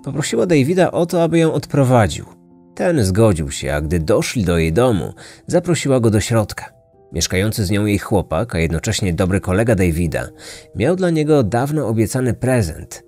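A man reading a scripted true-crime story in a measured, dramatic way. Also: on the low side, very animated, darkish tone, soft background music. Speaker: podcast narrator.

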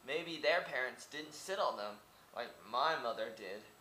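The audio is poor, roomy and carries slight background noise as a young Oregon vlogger, from the United States, rambles to his close webcam in a small room. He's animated yet a little slow, with a medium-pitched voice that sounds pushed and bright. His casual monologue is full of rhetorical questions and repetition.

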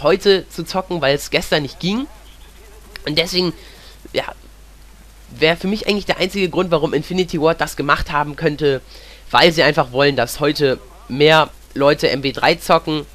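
Commenting on a game while nursing a cold, a young man rambles in a casual, talkative way, peppering his speech with "ja." His voice leans high and a little bright.

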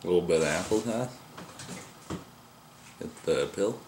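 A man's voice: deep voice, expressive, unhurried, a little mellow. A man in his twenties chatting casually on a vlog, his mouth numb from the dentist and his words slurred and mumbled. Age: 20s. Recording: noisy handheld camera, car and room.

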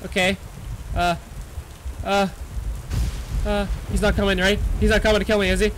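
A man's voice: sits high, level tone, normal speed, noisy background. A young man narrating a horror game to his audience, jumpy and swearing, talking to himself and yelping in fright. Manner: jumpy, swearing, talks to himself, panicky yelps. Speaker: gaming YouTuber. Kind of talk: horror game let's play commentary.

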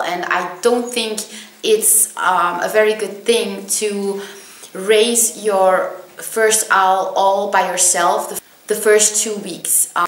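A chatty young woman, a vlogger, tells a casual story to the camera from a small indoor room with a plain wall and an echo. Her mid-range voice is a bit bright, and she uses lots of ums and laughs at herself.

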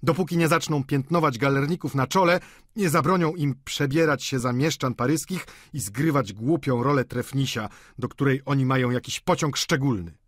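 A man's voice: medium pitch, moderate pace, no room sound, studio quality, pitched above the performer's own voice, close to an everyday voice. A man reading aloud voices a mocking, boisterous young painter with a raised, jeering delivery. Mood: indignant.

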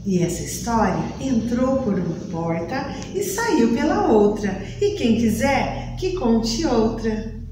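A woman's voice: on the high side, slow, background noise. Playful children's storyteller, woman; roomy, distant sound. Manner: animated, playful narration. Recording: echoey room, mic at a distance.

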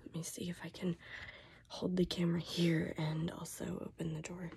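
A young woman whose hoarse voice is giving out, often breaking into a whisper, chatting casually to camera. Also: lowish voice, level tone, moderate pace, warm tone. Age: young adult. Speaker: vlogger. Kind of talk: casual rambling chat to camera. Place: small indoor bedroom. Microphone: handheld phone close to face. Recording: noticeable background noise, handheld phone.

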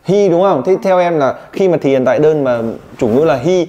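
A man teaching English pronunciation one-on-one, teasing and drilling his student with quick questions. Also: on the high side, mellow, highs cut off.

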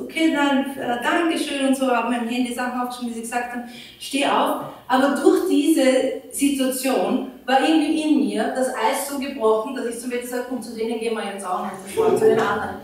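A woman's voice: fairly high pitch, fairly quick. Woman pastor telling stories in an echoey hall. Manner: chatty storytelling, acting out her own inner dialogue. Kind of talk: sermon told as a personal story. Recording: roomy hall, voice from a distance.

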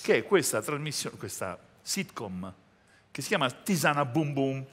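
A man's voice: medium pitch, very animated, moderate pace, fairly bright tone. A man hosting a TV comedy show, teasing and playful with his guest. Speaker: show host. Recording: large hall with audience. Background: audience crowd.

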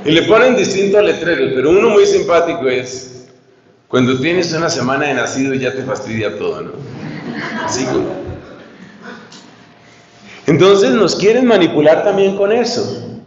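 Earnest priest, echoey lecture room. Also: male voice, on the high side, very animated, normal speed, pauses often, crowd noise. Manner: earnest, speaks straight to the audience, poses questions. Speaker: priest giving a retreat talk. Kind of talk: lecture to a retreat group. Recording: echoey room, dull lo-fi sound.

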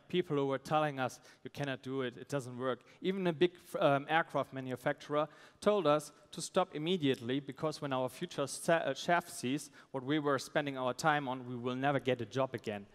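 Echoing smooth man pitching. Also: moderate pace, few pauses. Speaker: startup co-founder, speaker. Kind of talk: conference pitch presentation. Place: stage in a large event hall. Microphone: headset. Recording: amplified voice in large reverberant hall.

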